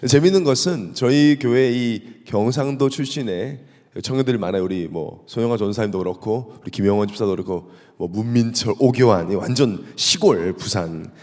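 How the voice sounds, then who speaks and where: A male pastor with a Gyeongsang accent, giving a lively, humorous sermon and asking the congregation questions. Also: on the low side, normal speed. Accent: Gyeongsang Korean. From South Korea. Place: church sanctuary. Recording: echoey church hall.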